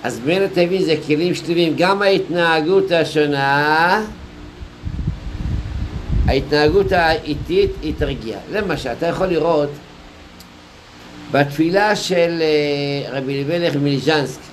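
A man, a rabbi, giving a Torah lecture, explaining with stories and rhetorical questions in deliberate, drawn-out phrases. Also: fairly high pitch, a little hiss or hum, rough recording.

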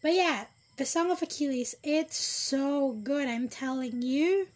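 A young woman with a high-sitting voice hosts her own podcast at a measured pace, chatting casually in a rambling, self-deprecating way. She drifts between whispers and louder bursts.

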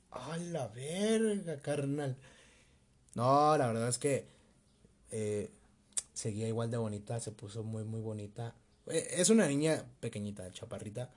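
A young man with a Mexico City accent, telling a personal story in a casual, slangy, animated way with bits of laughter. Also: mid-range voice. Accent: Mexico City Spanish. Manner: slangy, laughing, animated retelling with quoted voices. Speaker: vlogger.

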